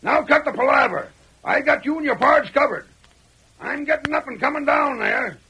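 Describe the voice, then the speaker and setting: An actor playing a blustering frontier sheriff with a folksy western drawl, in 1940s radio acting style. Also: male voice, extremely high pitch, normal speed, pushed and bright, slight background noise, heavily acted, low-quality recording. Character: gruff frontier sheriff, older man, blustering. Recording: old radio broadcast recording.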